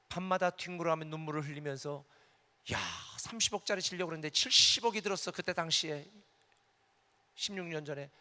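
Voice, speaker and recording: A middle-aged man preaches with a bright, forceful edge to his fairly high voice. He drops into hushed personal confession, then swells into fervent, ringing proclamation. His words carry a long reverb through a large hall. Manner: emotional testimony swinging from quiet confession to shouted preaching. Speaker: pastor. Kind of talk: sermon.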